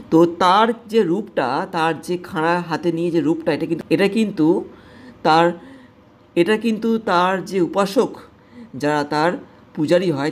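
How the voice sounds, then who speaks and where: A woman's voice: lowish voice, slight background noise. A woman teacher who reads English lines aloud and explains them to students in Bengali, often checking whether they follow.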